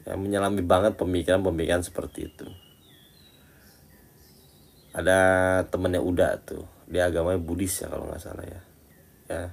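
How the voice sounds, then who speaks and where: A man with a low, gravelly voice gives a relaxed religious lesson. He talks to his listeners like friends, teasing as he goes. He jumps from loud, emphatic lines down to quiet, muttered asides. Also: normal speed, pauses often. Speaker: Islamic religious teacher. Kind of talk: casual Islamic study talk.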